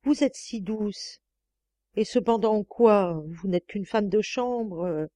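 A woman voicing a lecherous, stammering older male employer who pleads with his maid, in a slow, unhurried read. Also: mid-range voice, mellow, dry recording, natural voice. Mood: pleading.

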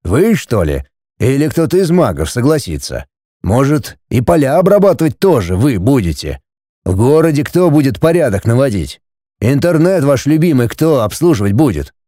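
A man voicing a stern middle-aged judge and father in an audiobook, speaking slowly and heavily as he lectures his family. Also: medium pitch, big pitch swings, warm tone, dry recording, studio quality. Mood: lecturing. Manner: slow, weighty, lecturing. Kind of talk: audiobook character voice.

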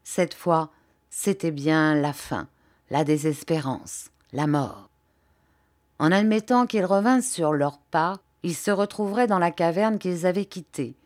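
Woman audiobook reader, measured expressive narration, lowish pitch. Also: no room sound, clean studio sound. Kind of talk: scripted narration.

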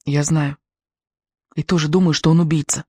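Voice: mid-range voice, fairly even intonation, normal speed, dark tone, husky, no echo, clean studio sound, natural voice. A reader voicing a teenage girl who gives urgent instructions over the phone.

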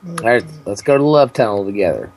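A man's voice: on the low side, lively intonation, fast talker, slight background noise, low-quality recording. A man hosting a prank call show, talking in a crude, goofy, rambling way. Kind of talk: casual prank call banter.

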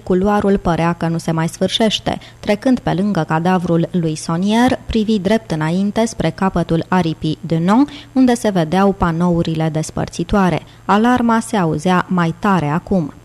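Woman, audiobook narrator, fairly low voice, steady dramatic reading. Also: hardly any pauses. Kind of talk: scripted narration.

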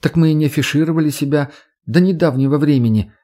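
A man's voice: on the high side, quick pace, mellow, pitched above the performer's own voice, close to an everyday voice. Anfisa, a man voicing a mocking young woman. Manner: teasing, brash, swearing.

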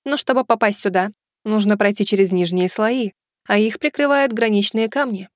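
A woman voicing a calm, knowing young fox woman in an audiobook, explaining things in a composed tone. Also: mid-range voice, normal speed, no room sound, studio quality, lightly acted. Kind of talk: audiobook character voice.

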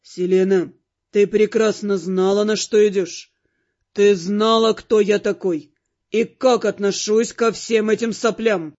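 A woman's voice: fairly low pitch, fairly even intonation, measured pace, mellow, muffled recording, voice pushed down. A woman voicing a cold, tipsy young man, a fire mage who speaks in curt, dismissive lines in an audiobook. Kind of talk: audiobook character voice.

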